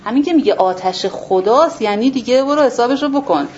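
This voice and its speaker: A woman's voice: fairly high pitch, animated, darkish tone. A woman teaching a Quran class to students, asking herself rhetorical questions and repeating words for emphasis. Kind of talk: explanatory religious lesson to a class. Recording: dull lo-fi recording with faint background noise.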